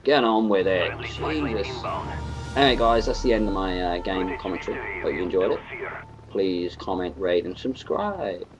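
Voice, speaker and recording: A man's voice: deep voice, animated, normal speed, music in the background, rough recording. A young British man giving casual, rambling commentary over his own gameplay, sarcastic about players who camp. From United Kingdom. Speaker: gaming commentator. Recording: game gunfire underneath.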